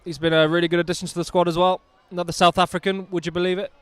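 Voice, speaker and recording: A man's voice: high voice, flat delivery, very fast, fairly bright tone, clear, resonant tone, no echo. A man doing live rugby commentary outdoors, chatty and enthusiastic with jokey asides.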